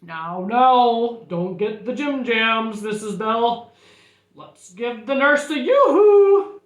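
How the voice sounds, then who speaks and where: A jovial, fussy school principal from a storybook, voiced by a woman. He speaks emphatically and with bounce, in a voice that sits high. The sound is roomy and echoing. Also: lively intonation, slow. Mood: soothing.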